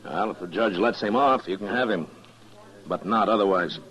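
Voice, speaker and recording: Actor as a deep-voiced, stern Old West marshal. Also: male voice, a bit bright, natural voice, poor audio. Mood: firm, resolute. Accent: American. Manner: firm, plain-spoken, measured. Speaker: lead actor and narrator. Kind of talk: old-time radio western acting.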